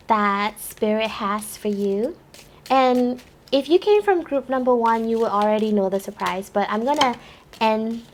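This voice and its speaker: A woman's voice: fairly high pitch, slight background noise. A bubbly young woman giving a chatty pick-a-card tarot reading, laughing often. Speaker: tarot reader.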